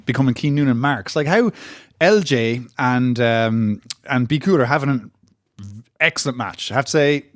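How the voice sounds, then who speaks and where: A man's voice: mid-range voice, lively intonation, normal speed, no echo, clean studio sound. A man co-hosting a wrestling podcast, rambling and mock-indignant in casual banter.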